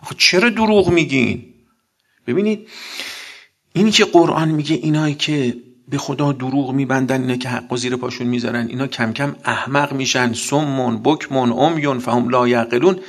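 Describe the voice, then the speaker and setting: A man giving a blunt sermon, telling combative anecdotes and acting out the dialogue. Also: mid-range voice.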